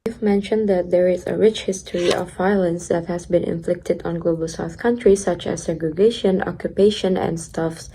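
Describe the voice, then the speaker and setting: A woman's voice: lowish voice, fairly even intonation, moderate pace, hardly any pauses, warm tone, a little hiss or hum, poor audio. A woman interviewer carefully reading a formal question to her guest.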